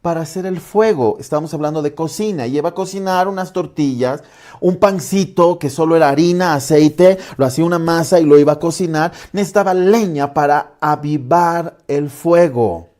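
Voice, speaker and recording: A man preaching a sermon as pastor, swinging from loud bursts to hushed lines and acting out doubting voices. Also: on the high side, moderate pace. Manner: acts out doubting voices in quotes.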